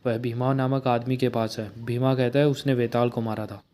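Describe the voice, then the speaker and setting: A man reading a comic book aloud, narrating and voicing every character in a plain, steady way. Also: medium pitch, normal speed.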